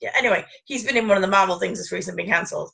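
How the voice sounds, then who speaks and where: A woman chatting casually as a podcast co-host. Her voice is strongly creaky and gravelly, and she rambles from one point to the next, laughing often. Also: medium pitch, rapid-fire, a bit bright. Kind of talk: casual chat about fan conventions.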